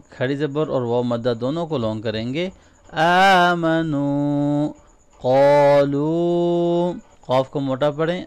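A man teaching Quran recitation. He explains each rule quickly, then recites the words slowly and drawn out. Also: medium pitch, darkish tone. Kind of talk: tajweed lesson, quick explanations between slow recitation.

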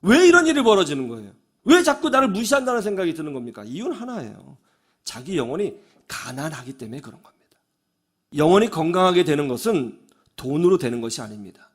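A male pastor giving a radio sermon, telling stories in an animated way and acting out the people he quotes. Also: on the high side, fast. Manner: animated storytelling, acts out quoted voices. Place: radio studio.

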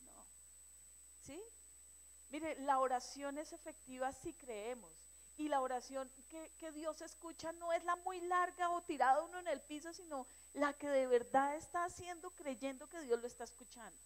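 A woman sharing earnestly with her church prayer group, telling a story with lively rhetorical questions. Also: high-pitched, moderate pace, low-quality recording. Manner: earnest, animated storytelling with rhetorical check-ins.

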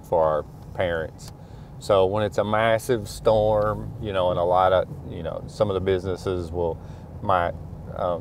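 A middle-aged school superintendent, speaking in a low and slightly mellow voice, chats casually while driving his truck at night. He thinks out loud with plenty of fillers, and faint engine and road noise can be heard.

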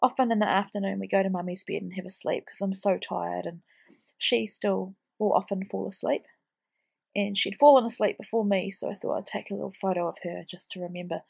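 Her voice is medium-pitched, husky and gravelly with a darkish tone, delivered briskly and with steady intonation. She is a scrapbooking vlogger in her thirties, heavily pregnant and tired, narrating her work casually through a blocked, snuffly nose caused by a cold. The talk is chatty and rambling, dotted with ums.

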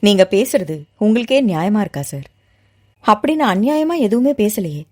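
A woman's voice: medium pitch, big pitch swings, moderate pace, mellow. A woman narrator voicing a proud young widowed mother who speaks in a heated, agitated, insistent way.

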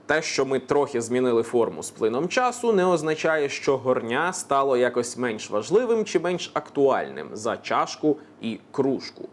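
A man presenting a scripted language explainer, brisk and with playful asides. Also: mid-range voice. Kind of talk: scripted educational narration.

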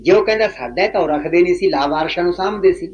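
Man doing a heartfelt, grieving Sikh uncle; high voice, dull lo-fi sound. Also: rapid-fire, lightly acted. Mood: earnest. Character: grieving middle-aged Sikh uncle, gentle and earnest. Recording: dull lo-fi recording.

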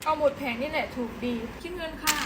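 A woman's voice: high voice, fast, noisy background, close to an everyday voice. A woman playing a chatty young shopper. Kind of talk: comedy skit acting.

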